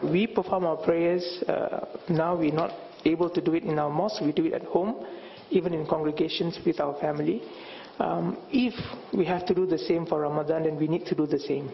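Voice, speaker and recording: Man, gravelly, slightly high, religious leader, press conference, stand mic, muffled audio. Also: steady tone, a little fast, slight background noise. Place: indoor press conference room. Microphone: stand microphone.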